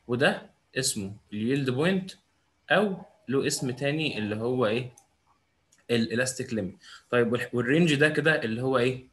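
Fast-talking Egyptian man teaching physics. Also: medium pitch, fairly bright tone. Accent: Egyptian Arabic. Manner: asks rhetorical questions and answers them himself. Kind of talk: classroom lecture.

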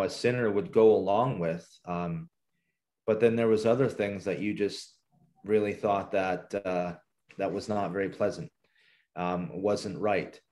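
Podcast guest, a man with a low voice, from southern Ontario, Canada; earnest, reflective testimony. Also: darkish tone. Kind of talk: personal testimony in a podcast interview.

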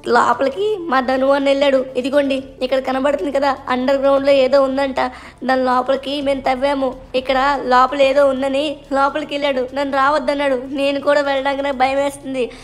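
A high, childlike voice of a timid little boy, as a woman acts him out, pleading and anxious as he chatters on in a game machinima story. The pitch sits well up in the register. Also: flat delivery, brisk, close to an everyday voice. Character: small frightened boy begging for help.

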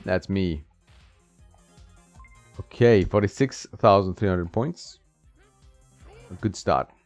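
Slow and low, with a darkish tone and no echo, a man laughs his way through casual gameplay commentary and talks back to the characters. His slightly dull lo-fi mic also carries the game music.

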